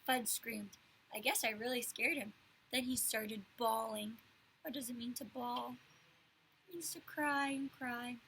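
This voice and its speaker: A woman reading a chapter book aloud to children, pausing to explain words in a clear storytelling manner. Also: on the high side, fairly even intonation, a bit bright, a little hiss or hum, low-quality recording.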